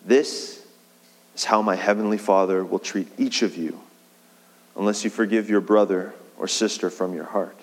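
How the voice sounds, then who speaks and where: A man preaching a sermon in a relaxed, conversational way, shifting his pace and leaning on key words. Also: lowish voice, moderate pace. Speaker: pastor. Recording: long reverb of a large hall.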